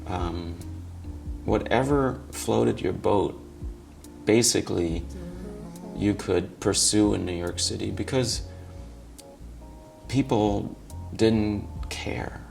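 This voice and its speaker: A man with a very deep, gravelly voice who speaks slowly, in a measured and thoughtful way. Soft music plays faintly behind him. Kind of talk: interview answer.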